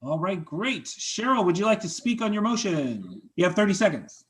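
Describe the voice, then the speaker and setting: Man briskly chairing a video-call meeting. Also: sits high, sing-song, fairly bright tone. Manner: brisk procedural, polite thanks.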